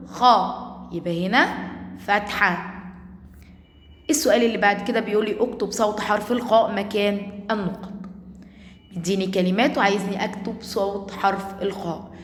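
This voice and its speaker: Echoey Egyptian woman teaching young children. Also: medium pitch. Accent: Egyptian Arabic. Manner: slow, drawn-out words for children to repeat. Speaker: primary school teacher. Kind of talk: recorded classroom lesson for young children.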